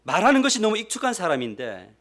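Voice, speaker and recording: Animated Korean pastor preaching. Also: male voice, high-pitched, quick pace. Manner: animated preaching, asks the congregation questions. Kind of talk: sermon. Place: church sanctuary.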